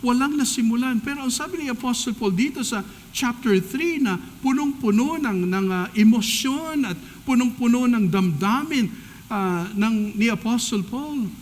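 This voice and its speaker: A man with a Filipino accent preaching a sermon as pastor of a church, swinging between soft and emphatic delivery. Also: very high voice, expressive, moderate pace. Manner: preaching in Tagalog-English code-switching, rising and falling emphasis. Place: church hall. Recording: long church hall reverb.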